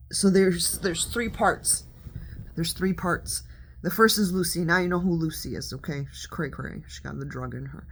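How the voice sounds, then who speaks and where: A woman vlogging in a stoned, rambling way, chatting casually with slang and swearing, often losing her thread. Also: deep voice. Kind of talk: casual rambling movie recap to viewers.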